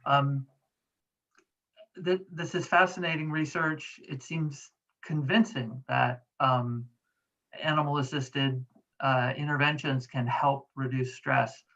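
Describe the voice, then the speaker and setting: Gravelly questioner on a dull line. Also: mid-range voice, fairly even intonation, slow, a bit bright. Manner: hesitant, with many fillers. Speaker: audience member asking questions. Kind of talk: question at a talk. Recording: dull lo-fi audio.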